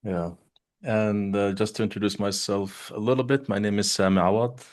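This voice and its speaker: A man from Palestine hosting an online Q&A call, speaking softly with frequent pauses and fillers. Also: lowish voice, steady tone. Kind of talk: casual welcome on a video call. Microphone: video call.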